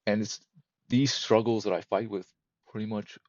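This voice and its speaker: A man in his thirties, a podcast guest, talking candidly and emotionally in a halting, repetitive way that keeps circling back. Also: fairly low pitch, fairly even intonation, a little mellow, no room sound, highs cut off. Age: 30s. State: emotional, close to breaking. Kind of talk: candid personal conversation.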